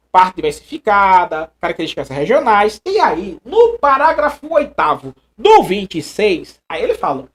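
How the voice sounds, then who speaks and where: A man with a Brazilian accent teaching a live online exam-prep lesson, animated and chatty, repeating phrases and reading viewers' messages aloud. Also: very high voice. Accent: Brazilian Portuguese.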